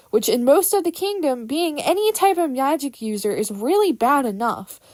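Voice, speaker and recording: A woman's voice: a little high, no echo. A woman delivering a casual, scripted rant about characters in an opinionated, unhinged, sweary manner with informal sarcastic asides. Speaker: fan fiction creator.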